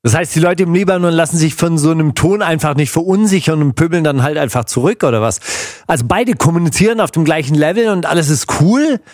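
A man hosting a casual discussion, telling lively anecdotes and acting out quotes. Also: on the high side. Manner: lively storyteller, acts out quotes. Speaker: host.

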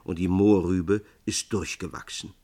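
A man's voice: deep voice, steady tone, measured pace, warm tone. A man reading a storybook, voicing an eager, talkative female farm maid. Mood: musing.

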